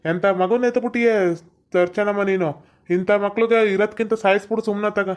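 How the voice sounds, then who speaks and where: In a scripted village comedy-drama, a woman with a North Karnataka Kannada accent scolds and pleads in heavy dialect. Her mid-range voice holds a steady tone at normal speed, and the recording sounds dull and lo-fi.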